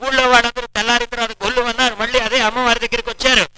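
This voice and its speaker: A man's voice: very high-pitched, flat delivery, very fast, sharp tone, a little hiss or hum, poor audio. A man giving a devotional discourse, explaining scripture through stories and rhetorical questions. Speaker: spiritual speaker.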